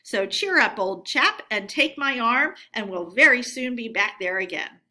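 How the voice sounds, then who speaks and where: A woman voicing a kindly, resolute male rat in a storybook, with a chummy, old-fashioned gentlemanly manner. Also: fairly high pitch, animated, full character voice. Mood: hearty, determined. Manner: brisk, reassuring, old-fashioned chummy talk.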